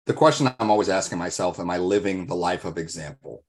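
A man's voice: low voice, fast talker. A man co-hosting a podcast in casual discussion, talking in an earnest, reflective way, with emphatic rhetorical questions and stories. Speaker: podcast co-host.

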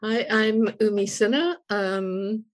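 Woman in her sixties from india, storyteller, thoughtful and slow to find words. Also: medium pitch, noisy background. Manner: reflective, many fillers. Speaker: writer and storyteller. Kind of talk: personal storytelling interview.

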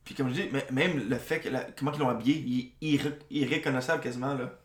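A man with a Québécois French accent, co-hosting a casual podcast chat, relaxed, giving short agreeing replies and mixing in English words. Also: mid-range voice, quick pace. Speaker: podcast co-host. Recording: echoey room.

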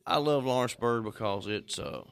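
Gravelly middle-aged man, relaxed. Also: medium pitch, normal speed.

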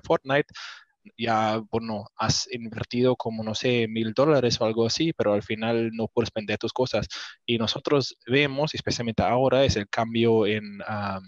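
A man speaking learner's Spanish, halting and searching for words, mixing in terms as he explains ideas informally. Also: medium pitch, no echo. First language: not a native Spanish speaker, learning it. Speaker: startup founder on a panel. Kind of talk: informal spoken pitch in hesitant Spanish. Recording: dull lo-fi audio, close and dry.

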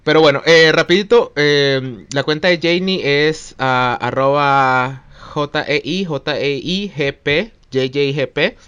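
A man's voice: a little high, slow pace, few pauses, a bit bright, clear, resonant tone, lo-fi sound. A man co-hosts a podcast in a loose, casual chat. He speaks with a mixed Chilean and Mexican accent. He jokes and rambles, with plenty of fillers and restarts. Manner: joking, rambling with many fillers. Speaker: podcast co-host.

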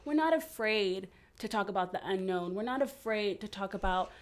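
A woman's voice: mid-range voice, normal speed. A young woman with an American accent co-hosting a podcast in informal, emphatic casual chat. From San Francisco Bay Area, USA. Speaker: podcast co-host.

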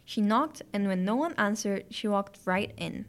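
A woman narrating classic fairy tales as a podcast host, in a clear, gentle storytelling manner. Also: medium pitch, expressive, moderate pace.

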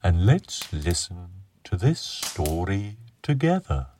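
A man voicing a gentle, friendly male dragon who guides children through a calm imagination exercise in a slow, soothing way. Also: low-pitched, a little hiss or hum, heavily acted. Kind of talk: children's relaxation storytelling.

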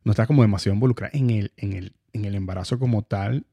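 A man's voice: on the low side, rapid-fire, creaky, mellow, breathy edge, dry recording. A man hosting a podcast, asking reflective follow-up questions and giving short affirmations. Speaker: podcast host. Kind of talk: casual conversational interview.

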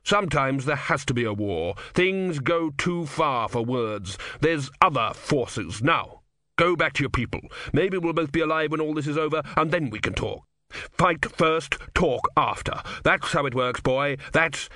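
Man playing a gruff old war leader, blunt and lecturing, lively delivery. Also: fairly high pitch, unhurried, dry recording, clean studio sound, voice pushed up. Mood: stern. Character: hard-bitten veteran male warlord.

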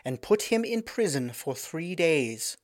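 A man's voice: a little high, big pitch swings, a little slow, no echo, studio quality, pitched above the performer's own voice. A man voicing a proud young queen in a storybook reading, speaking in a haughty, commanding way.

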